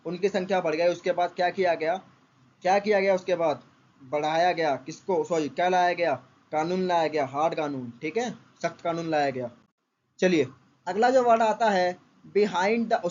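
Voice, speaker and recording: A man teaching English vocabulary and idioms to exam aspirants, explaining slowly with many fillers and repeated checks. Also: sits high, darkish tone. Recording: dull lo-fi recording.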